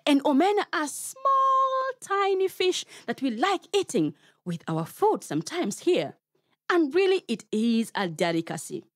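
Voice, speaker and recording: A woman's voice: sits high, very animated, unhurried, fairly bright tone, dry recording, studio quality. A Kenyan woman telling a story to children, playful and talking straight to her young listeners. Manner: playful, addresses children directly.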